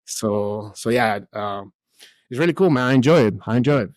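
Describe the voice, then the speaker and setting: A Peru-raised man in his forties, a real estate investor, chats casually as a guest on a podcast interview. His medium-pitched voice moves at a moderate pace in a dry recording. He's relaxed and talkative, restarts often, and keeps dropping "dude" and "bro."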